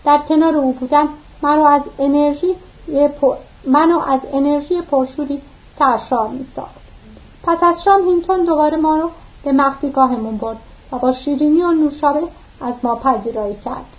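A woman narrating a novel aloud, reading steadily and voicing the dialogue lightly, with occasional slips and restarts. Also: sits high. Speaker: audiobook narrator. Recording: dull lo-fi recording.

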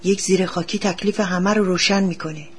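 A woman voicing a poor, bitter middle-aged father who scolds his son, with a husky voice, read as a storybook. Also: lowish voice, steady tone. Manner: gruff, scolding, superstitious. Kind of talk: storybook reading.

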